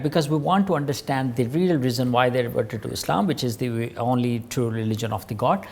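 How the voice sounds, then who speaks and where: A man's voice: medium pitch, creaky. A man hosting an interview, introducing his guest and asking earnest, probing questions. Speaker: interview host.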